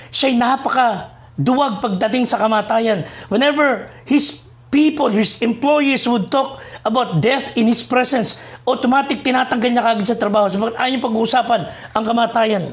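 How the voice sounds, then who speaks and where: A man's voice: very high-pitched, steady tone, moderate pace. A male missionary preacher from the Philippines telling a story in a sermon, mixing in English and speaking to listeners as friends. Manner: switches between Tagalog and English, addresses listeners as friends.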